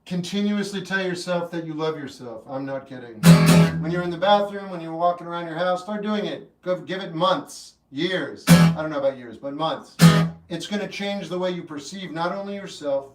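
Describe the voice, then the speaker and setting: A man in his fifties hosting a livestream, chatting casually with viewers in a relaxed, rambling way that turns earnest when he gives advice. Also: a little high, moderate pace. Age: 50s. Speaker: livestream host. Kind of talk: casual chat answering live chat. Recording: roomy echo, mic at a distance, faint guitar music.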